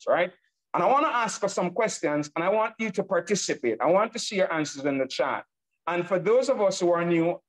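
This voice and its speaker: A fairly high male voice comes through a low-quality recording. He's a Nigerian presenter hosting a business webinar by laptop video call, pushing a sale with enthusiastic hype, repeating himself, and calling out to the audience as ladies and gentlemen again and again.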